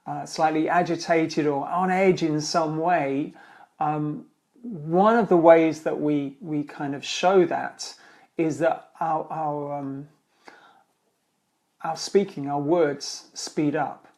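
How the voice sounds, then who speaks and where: A man's voice: on the high side, fairly even intonation, takes it slowly, a little mellow. A man with a slightly raised voice hosts a casual live-streamed Q&A as a speaking trainer. He rambles in a friendly way, full of fillers and false starts, with light laughs now and then. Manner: chatty, rambling, with many fillers and restarts.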